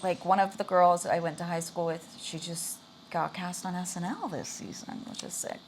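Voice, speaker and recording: A young woman from Canada, chatting as a guest in a relaxed way full of "like" fillers. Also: fairly low pitch, moderate pace, slight background noise. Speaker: guest actor. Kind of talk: casual interview chat.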